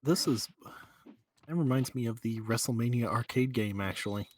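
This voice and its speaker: A man's voice: medium pitch, moderate pace, a little hiss or hum. A man co-hosting a podcast, chatting casually over gameplay, giving dry teasing remarks and game tips. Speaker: podcast co-host.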